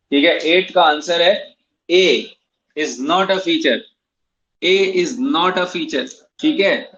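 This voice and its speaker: A man's voice: high voice, lo-fi sound. A man teaching English literature in a classroom, going through exam questions in a mix of Hindi and English, spelling out words and repeating key points. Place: classroom with students, also streamed online.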